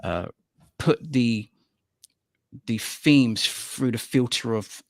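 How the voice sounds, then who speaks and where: A man's voice: on the low side, creaky, a bit bright, dry recording, clean studio sound. A man in his late thirties, a guest on a casual panel podcast, telling stories in a rambling way and laughing easily. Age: late 30s. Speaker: podcast guest, animator and musician.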